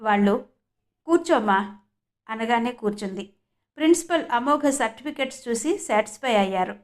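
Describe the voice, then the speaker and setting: A woman from Andhra Pradesh narrating a novel as an audiobook in a steady storytelling manner. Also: a little high. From Andhra Pradesh, India.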